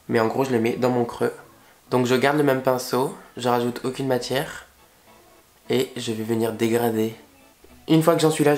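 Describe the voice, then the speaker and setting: Young male makeup vlogger, excitable and chatty, mid-pitched voice, echoey room at home. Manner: chatty and excitable, gushing over products with slang. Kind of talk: casual makeup tutorial chat. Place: indoor room at home, facing a window. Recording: roomy echo.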